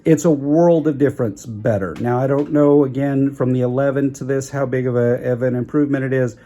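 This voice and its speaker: A man's voice: medium pitch, steady tone, a little fast, warm tone. Guy chatting casually about a camera, talks plain, fixes his own slips, phone mic. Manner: chatty, self-correcting, plain-spoken. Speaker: camera reviewer. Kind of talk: casual review talk. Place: outdoors at a busy roadside eatery. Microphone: built-in phone mic. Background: traffic and chatter.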